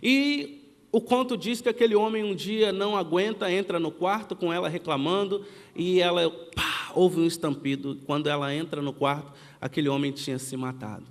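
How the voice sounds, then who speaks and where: A Brazilian man preaching from the pulpit, his voice sitting high for a man. He tells stories and slips into the voices of the people in them. Long reverb rings around him in the church. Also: fairly quick. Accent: Brazilian Portuguese. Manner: storytelling, acts out quoted family dialogue. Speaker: pastor. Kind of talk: sermon with personal storytelling.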